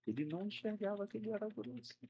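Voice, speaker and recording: A man's voice: high-pitched, big pitch swings, quick pace, mellow. Man teaching a church class. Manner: conversational, uses tag questions like "né?" often; acts out quoted people in a raised voice. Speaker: Sunday school teacher.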